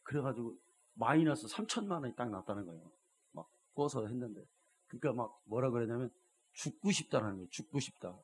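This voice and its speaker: Husky-voiced male pastor preaching. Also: mid-range voice, expressive, brisk. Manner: storytelling, swinging from hushed to loud exhortation; keeps addressing the congregation with rhetorical prompts. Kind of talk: sermon. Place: church.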